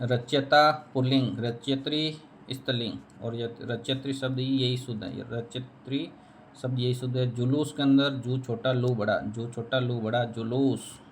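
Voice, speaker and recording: A man's voice: medium pitch, a little hiss or hum. A man teaching a spelling lesson, repeating each word and answering his own questions. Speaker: Hindi teacher.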